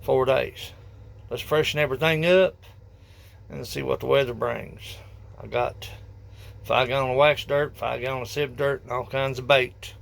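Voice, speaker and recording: A man's voice: mid-range voice, fairly even intonation, normal speed, gravelly. A man filming his trapping rounds outdoors, talking in a folksy, plainspoken rural way to his viewers. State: out of breath. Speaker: trapper vlogger. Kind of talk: outdoor vlog narration. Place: outdoors in fields.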